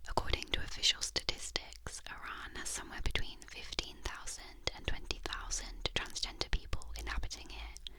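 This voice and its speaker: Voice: moderate pace, rough recording. Close ASMR whisper, right in your ear. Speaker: ASMR narrator. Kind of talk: ASMR whispered reading of facts. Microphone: close binaural microphone.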